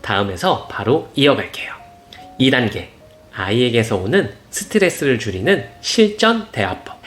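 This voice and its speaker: A father gently narrating parenting advice in scripted form, reassuring and warm in his words, now and then acting out short quotes. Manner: gentle, reassuring tone, acts out parent and child quotes in higher voices. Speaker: parenting channel host. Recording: soft instrumental music behind.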